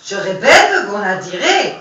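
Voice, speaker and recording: Angry accusing German army captain, loud, bright tone, roomy distant sound, a woman reading him aloud. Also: mid-range voice, very animated, measured pace. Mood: furious. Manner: loud accusing reading with a weak put-on accent. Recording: roomy, distant, dull sound, faint hiss.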